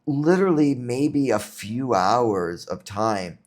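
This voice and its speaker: Speaking slowly in a slightly mellow, medium-pitched voice with lively intonation, a New York entrepreneur reflects as a podcast guest. In this casual interview he's earnest, often repeating words as he thinks.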